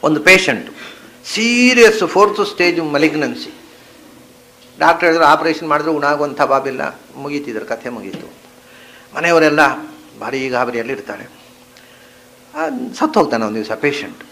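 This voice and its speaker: A man, teaching a scripture discourse, chanting verses and then explaining them, moving from soft murmurs to emphatic stresses. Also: fairly high pitch, normal speed, pauses often, a little hiss or hum, rough recording. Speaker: spiritual teacher.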